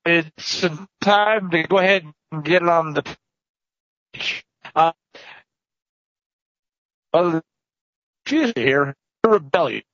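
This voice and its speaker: A man's voice: on the high side, animated, a bit bright, no echo. Man breaking up on a bad call line. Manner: halting, fragmented speech. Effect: voice breaking up over a bad call connection. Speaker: Bible study participant. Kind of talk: group Bible study on a call. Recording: dull lo-fi call audio, dry.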